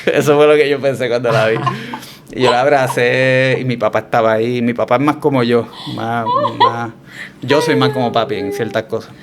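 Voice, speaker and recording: A man with a Puerto Rican Spanish accent, telling his story as a guest in a relaxed, reflective way with frequent restarts. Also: medium pitch, normal speed, heavy background noise. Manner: reflective, hesitant with many restarts. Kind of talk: conversational testimony.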